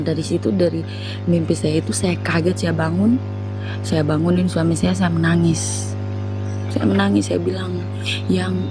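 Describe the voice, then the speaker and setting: A woman's voice: on the low side, rough recording. A woman telling an earnest, emotional personal testimony as an interview guest.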